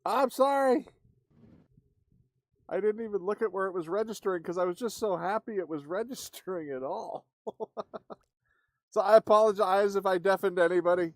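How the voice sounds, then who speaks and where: A high-pitched man streams a game live, rambling casually to his viewers at a moderate pace with long pauses. His streaming mic has the gain maxed out, and though there's no room sound, background noise is clearly audible.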